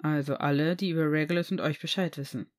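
Lady doing a low quiet serious guy voice, protective. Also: fairly even intonation, fast, close to an everyday voice. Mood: grave. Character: serious protective older man.

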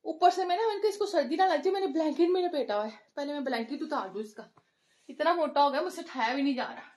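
A high, bright-pitched woman with a Pakistani Urdu accent runs a live online clothing sale. She rattles through sizes and prices in a brisk, chatty seller's patter, greeting viewers as she goes. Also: animated. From Lahore, Pakistan. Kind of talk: live-stream sales patter.

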